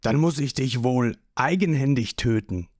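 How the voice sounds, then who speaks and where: A man voicing a grim young male pirate fighter who speaks low and quietly with menace, in a read-aloud manga story. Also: unhurried, dry recording, clean studio sound, close to an everyday voice. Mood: cold.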